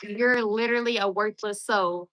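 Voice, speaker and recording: A woman's voice: mid-range voice, steady tone, moderate pace, a bit bright, rough recording. A young woman at home on a livestream, cursing and confronting commenters, sometimes calling out to her kids. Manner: profane, confrontational toward commenters; calls out to kids around the house. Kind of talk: ranting livestream chat.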